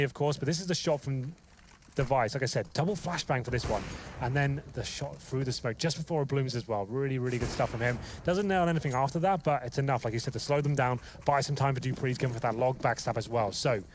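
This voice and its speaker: Guy casting esports, talks really quick, analytical match commentary, game noise in the back. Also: mid-range voice. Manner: analytical, flowing play-by-play.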